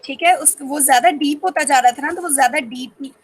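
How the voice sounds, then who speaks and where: A woman teaching a reading-comprehension class, switching between English and Hindi and alternating slow dictation with rapid explanation. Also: high voice. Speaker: school teacher. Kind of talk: online reading-comprehension lesson.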